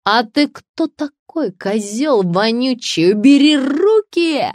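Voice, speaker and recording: A woman's voice: sing-song, slow pace, no room sound, clean studio sound. A woman reading an audiobook, voicing a drunken, spiteful female writer who jeers and drawls. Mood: screeching. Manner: shrill, jeering and drawling. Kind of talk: audiobook character voice.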